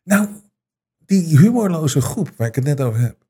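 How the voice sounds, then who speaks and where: Husky indignant male host. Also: on the high side, very animated, normal speed, warm tone. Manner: indignant, sarcastic, many restarts. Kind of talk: ranting commentary.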